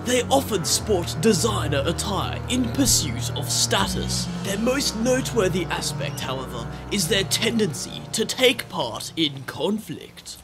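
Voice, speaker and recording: A man's voice: sits high, lively intonation, a little slow, hardly any pauses, over music. A man narrating a mock nature documentary in a scripted, formal wildlife style.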